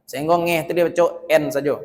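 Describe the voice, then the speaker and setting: A man from West Sumatra with a Minangkabau accent gives a lively religious lecture to a live audience. He quizzes the listeners and slips into his local dialect for jokes. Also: on the high side, fast. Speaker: religious teacher. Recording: long reverb of a large hall.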